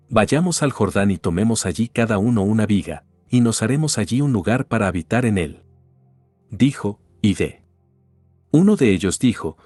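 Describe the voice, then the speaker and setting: A man reading a Bible passage aloud in a steady, measured narration style, with the quoted lines barely acted. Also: on the low side, no echo. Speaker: Bible reader.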